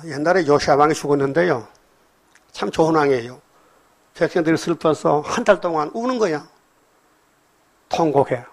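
Man preaching, scripture reading, blunt colloquial asides, prods the congregation, bursts loud then drops low. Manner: swings between loud emphatic outbursts and low murmured remarks. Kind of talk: sermon. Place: church hall with congregation.

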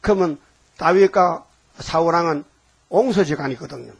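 Husky older man preaching a fiery sermon. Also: moderate pace. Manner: rhetorical questions to the congregation, shouting and then dropping low. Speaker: pastor.

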